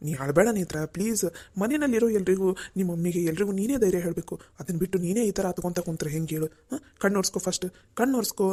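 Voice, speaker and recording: A steady young cartoon man, gently soothing and coaxing with a deep voice. His tone is dark and low. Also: rapid-fire. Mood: reassuring. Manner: soothing, coaxing, repeats "okay?". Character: young man, calm and reassuring friend. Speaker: helper friend.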